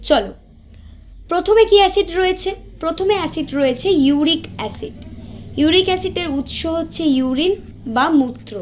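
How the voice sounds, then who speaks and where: A woman giving an exam-prep science lesson, asking questions and answering them herself, repeating key facts. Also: high voice. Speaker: quiz teacher.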